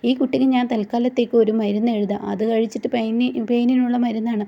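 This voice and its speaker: A woman voicing a calm doctor explaining an unclear injury. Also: a little high, fast, creaky, lo-fi sound. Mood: puzzled. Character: calm puzzled family doctor.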